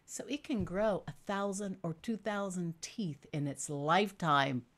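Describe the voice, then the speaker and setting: A woman's voice: lowish voice, measured pace. A woman children's entertainer presenting to young children in simple, repetitive phrases, with the showy patter of a kids' party magician.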